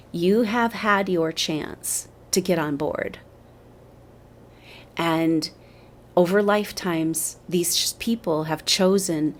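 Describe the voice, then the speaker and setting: Woman, low deep voice, spiritual astrology forecast, earnest flowing delivery, dramatic emphasis. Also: slight background noise.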